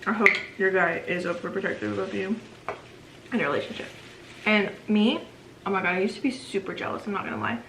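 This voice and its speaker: Young female vlogger, breezy filler-heavy chat, middle pitch, roomy home recording. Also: fairly quick, a bit bright. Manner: chatty, says "like" a lot. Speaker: vlogger and host. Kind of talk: casual Q&A chat while eating. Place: home room. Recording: echoey home room with noise.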